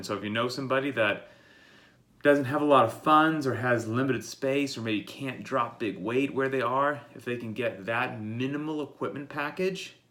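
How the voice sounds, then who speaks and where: Battling a cold, a male coach lays out today's workout for his members in a medium-pitched voice with a sharp edge. He keeps it plain and explanatory, talking directly to whoever is listening, as a daily briefing.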